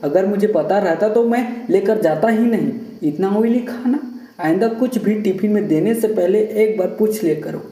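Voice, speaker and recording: A man's voice: high-pitched, moderate pace, warm tone, lightly acted. A man voicing an irritable young husband who scolds in a harsh tone. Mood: scolding. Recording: roomy echo.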